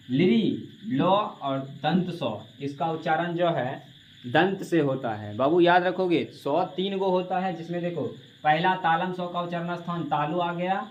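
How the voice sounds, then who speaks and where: A male teacher giving a classroom grammar lesson, asking questions and answering them himself to drill the students, and addressing them as "babu". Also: fairly high pitch. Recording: dull lo-fi classroom recording with faint hiss.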